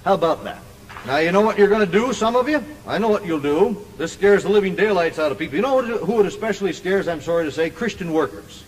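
High-voiced man preaching in an echoing hall. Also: animated, fast, a little hiss or hum. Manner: emphatic, conversational preaching with rising declarations. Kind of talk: sermon. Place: church hall before a congregation. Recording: long reverb of a church hall.

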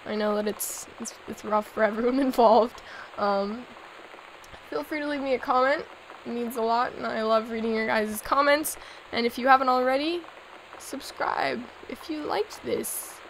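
A hoarse, sick young woman hosting a let's play, chatting and giggling as she reads in-game notes aloud. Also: a little high, moderate pace, a little hiss or hum, poor audio. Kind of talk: casual gameplay commentary.

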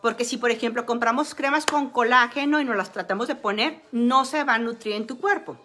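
A beauty and wellness vlogger chats to her phone camera, held at arm's length, in a small room at home. Her slightly high voice comes across bright and forward. She rambles casually and fills pauses with fillers while showing off products.

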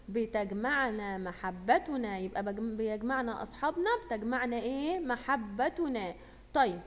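High-voiced Egyptian woman teacher, reverb. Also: fairly bright tone. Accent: Egyptian Arabic. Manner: encouraging, asks questions and praises pupils. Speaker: primary school Arabic teacher. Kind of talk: recorded lesson for young children. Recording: long reverb from a hall-like room.

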